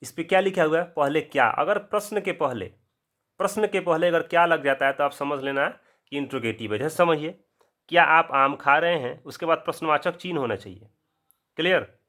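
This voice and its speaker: A man with a Bihari accent giving an English grammar lesson in casual classroom style. He asks the viewer a question, answers it himself, and slows down to spell things out. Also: on the high side, fairly bright tone. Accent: Bihari Hindi. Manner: drawn-out, spelled-out explanations. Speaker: English teacher.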